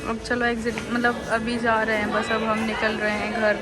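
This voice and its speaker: A woman's voice: fairly high pitch, monotone, normal speed, loud music behind the voice. A tired woman vlogger filming on her phone on the go, chatty and complaining. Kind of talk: handheld vlog on the go. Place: busy public places and metro station. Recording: loud crowd and street noise.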